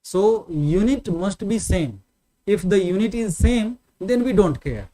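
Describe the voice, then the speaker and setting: Slow, high-pitched Indian maths teacher. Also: male voice, expressive, dark tone, low-quality recording. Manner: patient, repetitive explaining with check-in questions. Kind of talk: online maths lesson.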